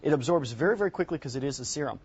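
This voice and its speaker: A man's voice: fairly high pitch, animated, racing, crowd noise. A man in his thirties explaining a product emphatically as an expert guest on a home shopping show, repeating words for stress. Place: TV studio set, indoors. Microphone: lapel mic. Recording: slightly dull lo-fi broadcast audio.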